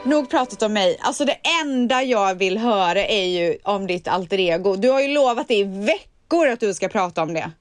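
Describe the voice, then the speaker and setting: A young woman chatting casually as a podcast co-host, telling a story with lively acted-out voices and frequent laughter. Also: medium pitch, hardly any pauses, faint music behind. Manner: animated storyteller, acts out voices, laughs often. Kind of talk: casual chat.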